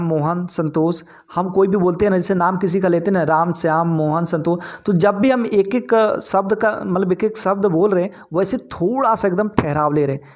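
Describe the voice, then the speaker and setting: A man teaching an exam-prep grammar lesson, repeating his points and checking in with his listeners often. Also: sits high. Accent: Hindi-speaking north Indian.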